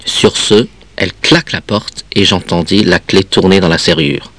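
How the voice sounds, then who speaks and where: Low-voiced man reading a story. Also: normal speed, fairly bright tone, no room sound. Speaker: reader.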